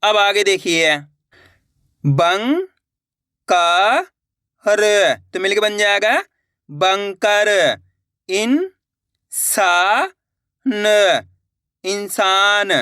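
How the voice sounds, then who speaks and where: A man's voice: high voice, bright, forceful tone, clean tone, no echo, clean studio sound. A man teaching a reading lesson, sounding out syllables one by one and blending them into words, encouraging his viewers. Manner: addresses viewers as friends, encouraging.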